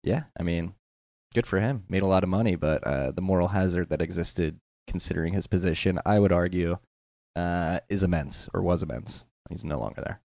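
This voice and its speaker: A man's voice: low voice, brisk, gravelly, darkish tone, dry recording, clean studio sound. A man talking as a guest on a casual podcast, hesitant and self-deprecating, with plenty of fillers and restarts.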